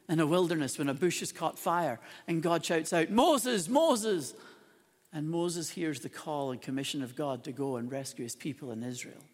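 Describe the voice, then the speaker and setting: Male preacher, high voice, dramatic and emphatic sermon delivery, long echo of a big hall.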